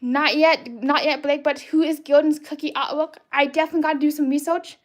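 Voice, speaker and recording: A woman's voice: high-pitched, steady tone, fairly quick. A woman hosting a live drawing stream, talking in a playful, childlike way, greeting viewers, and often restarting her sentences. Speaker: livestream artist host. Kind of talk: casual livestream chat while drawing.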